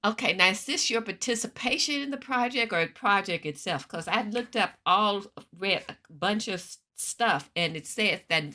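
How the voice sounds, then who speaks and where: A woman's voice: medium pitch, expressive, normal speed, hardly any pauses, pushed and bright. A woman hosting an interview, who steers the guest with direct prompts and questions. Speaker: podcast host.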